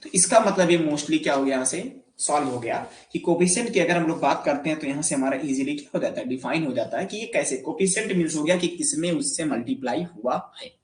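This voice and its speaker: A man teaching an algebra lesson in Hindi, with a fairly high voice for a man. He keeps asking questions and then answers them himself. The room around him is echoey. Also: lively intonation, quick pace, hardly any pauses. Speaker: math teacher. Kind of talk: classroom lecture.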